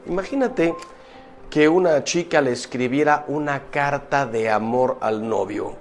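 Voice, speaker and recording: A priest preaching, emphatic and full of rhetorical questions, moving from loud exclamations to quiet asides. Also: male voice, medium pitch, measured pace, faint music behind. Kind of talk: preaching talk.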